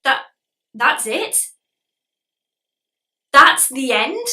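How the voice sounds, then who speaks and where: A woman's voice: sits high, big pitch swings, extremely slow, pushed and bright, echoey room, recorded from a distance, faint music behind. A woman narrating a comedic film review in a sarcastic, exasperated, sweary way.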